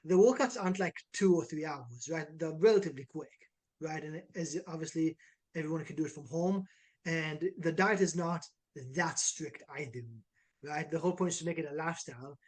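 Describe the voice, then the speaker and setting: In an energetic, casual interview, an online fitness coach from Israel in his twenties talks a little fast with a fairly high pitch. "Like" and "right" come up again and again.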